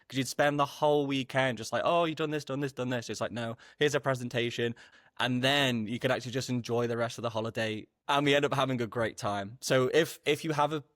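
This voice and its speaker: A young man co-hosting a podcast in casual chat, an easygoing storyteller who trails off softly. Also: mid-range voice, no room sound, clean studio sound. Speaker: podcast co-host.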